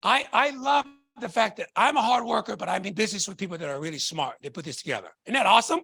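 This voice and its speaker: A man from Tonga with a striking high, gravelly voice delivers a fervent motivational talk. His bright, edgy tone carries enthusiasm as he keeps asking the audience questions. The sound is close and dry. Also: animated, quick pace, dry recording. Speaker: motivational speaker.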